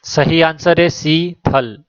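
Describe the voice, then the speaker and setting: A man's voice: on the high side, slow pace, clear, resonant tone, no room sound, dull audio. A man who works as a teacher, going through exam questions one by one: he reads each question and its options, then gives the right answer.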